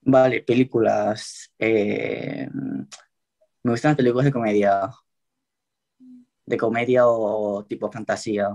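A young man with a Spain Spanish accent answers interview questions in a loose, rambling way, pausing on fillers. His voice sits low and stays flat in pitch. He sounds casual and unhurried. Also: vocal fry. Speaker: guest tiktoker.

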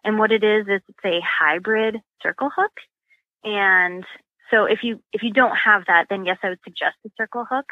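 A woman's voice: medium pitch, fairly even intonation, moderate pace, no room sound, phone-quality sound. A woman guest explaining catfish rigs and bait in a casual, practical way, full of ums and you-knows. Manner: chatty, practical, many fillers like um and you know. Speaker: guest, sponsored catfish angler.

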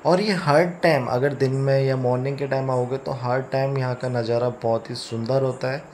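A man's voice: mid-range voice, steady tone, normal speed, darkish tone. Chatty Indian man vlogging on a trip. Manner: chatty tour-guide commentary, mixing English words into Hindi. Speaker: travel vlogger host. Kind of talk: casual travel vlog narration. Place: in a car, then outdoors by a lake and inside a wooden club. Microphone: phone camera at arm's length. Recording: noisy phone recording with car and street noise.

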